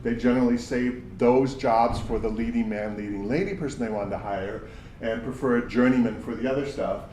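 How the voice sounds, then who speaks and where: Talking a little fast in a big, mid-range voice, a man runs a job search workshop in down-to-earth language, backing his points with stories from his working life. He is picked up from far off the microphone, sounding roomy and distant, with a low constant hum underneath.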